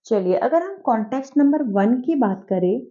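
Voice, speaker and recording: A woman's voice: fairly high pitch, lively intonation, normal speed, warm tone, dull audio. A woman teacher giving an online exam-prep lecture, explaining step by step and asking herself rhetorical questions.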